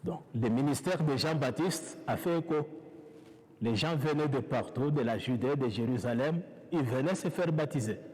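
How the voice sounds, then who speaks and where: A priest with an African French accent giving a sermon in a church, speaking in slow, measured phrases with pauses and restarts. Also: male voice, mid-range voice, darkish tone. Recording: reverberant church hall.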